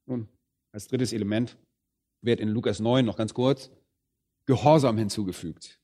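A man preaching a sermon, addressing the congregation directly. He stresses some phrases loudly and drops others low and quiet. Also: steady tone, normal speed. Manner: emphatic, swings between loud stresses and quiet low phrases.

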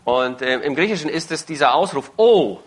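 A man's voice: a little high, lively intonation, normal speed. A man interpreting a sermon live, phrase by phrase, with the odd hesitation and self-correction.

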